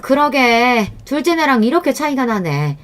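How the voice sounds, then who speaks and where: A woman's voice: sits high, sing-song, moderate pace, voice pushed up. A woman voicing an older, nagging mother-in-law who scolds her daughter-in-law with contempt. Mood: scolding, scornful.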